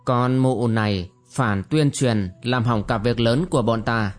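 A man voicing a scheming, smooth-talking young villain who justifies himself in a storybook reading. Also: medium pitch, steady tone, a little slow, faint music behind, natural voice. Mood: defensive. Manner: calculating, self-justifying.

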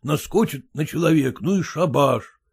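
A man's voice: fairly high pitch, moderate pace, gravelly, breathy edge. A man voicing a fussy, self-important merchant husband who lectures and grumbles. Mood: grumbling. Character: pompous fussy merchant husband, fearful of typhus.

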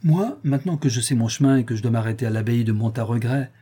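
Un homme jouant le squelette, forçat fanfaron. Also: male voice, medium pitch, fast, warm tone, husky, lightly acted. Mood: boastful. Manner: swaggering, boastful. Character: boastful hardened male convict, savage bravado.

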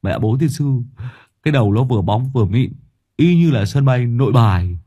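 A man voicing a brash young man who teases loudly and coarsely. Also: medium pitch, slow pace, muffled recording, voice pushed up, lightly acted. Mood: mocking. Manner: loud, teasing, coarse. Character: brash young man, loud-mouthed joker.

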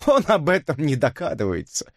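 A man's voice: fairly high pitch, huge pitch swings, moderate pace, dry recording, clean studio sound, voice pushed up. A man doing a teasing, drawling young woman. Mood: mocking.

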